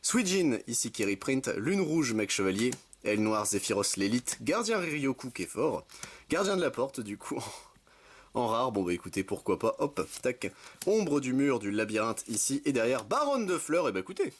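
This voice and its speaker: A young man casually commenting while opening trading card packs, listing card names and adding quick asides. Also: medium pitch, big pitch swings. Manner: chatty, reads card names in quick lists, self-correcting asides. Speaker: card-opening video host. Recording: faint background noise with card crinkling.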